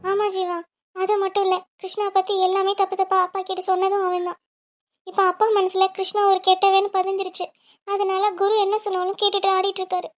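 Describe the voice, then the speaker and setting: A woman voicing a quick-tempered young female student, sharp and worried for her family. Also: extremely high pitch, monotone, pitched above the performer's own voice.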